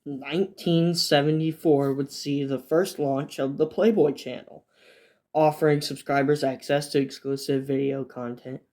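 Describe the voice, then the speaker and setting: A man's voice: a little high, flat delivery, normal speed, hardly any pauses, darkish tone. A man hosting a history video, reading scripted lines about dates and events and breaking off into offhand asides with fillers and restarts. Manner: fillers and restarts between points. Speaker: video essay host. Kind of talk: semi-scripted history narration.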